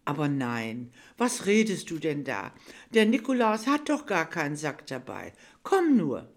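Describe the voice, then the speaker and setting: A woman voicing a kind kindergarten teacher who gently coaxes a child, in a storybook tale. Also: sits low, big pitch swings, a little slow, full character voice. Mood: reassuring. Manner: gentle, coaxing.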